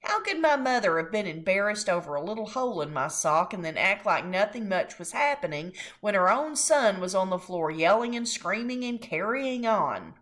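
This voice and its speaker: A woman reading a children's chapter book aloud, expressive and storytelling. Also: medium pitch, moderate pace, hardly any pauses.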